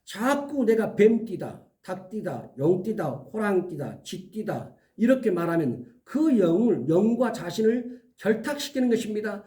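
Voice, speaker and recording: A male pastor preaching an earnest sermon, giving emphatic warnings and slowly listing items one by one. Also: high voice, big pitch swings, mellow, far from the mic.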